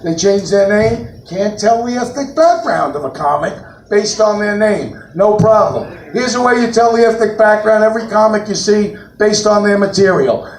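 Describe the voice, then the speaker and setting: A man doing a stand-up comedy set on a brewery stage, talking in a brash, blunt New York manner with loud punchlines. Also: sits high, vocal fry, a little hiss or hum. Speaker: stand-up comic. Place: brewery stage, live room. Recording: roomy live venue, mic at a distance.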